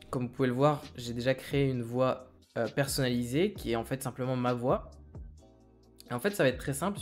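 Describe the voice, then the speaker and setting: A man walking viewers through a software tutorial, step by step, with a reassuring, friendly manner. His pitch sits in the middle range, and faint music plays underneath. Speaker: tech tutorial host. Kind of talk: screen-recorded tutorial.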